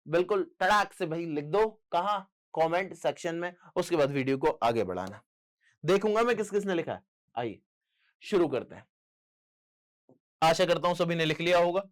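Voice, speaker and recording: A male teacher giving a lively online exam-prep lesson, talking straight to his students and calling them "beta". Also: high-pitched. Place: studio recording for online class.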